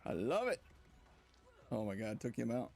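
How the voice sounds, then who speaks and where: A man streaming gameplay live, excitedly commenting, laughing often and talking to his viewers. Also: mid-range voice, moderate pace, gravelly. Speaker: game streamer.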